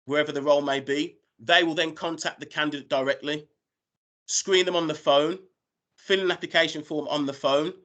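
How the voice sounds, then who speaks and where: Higher-pitched British man presenting informally. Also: steady tone, a little fast, fairly bright tone. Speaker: recruiter presenting job opportunities. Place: online video call.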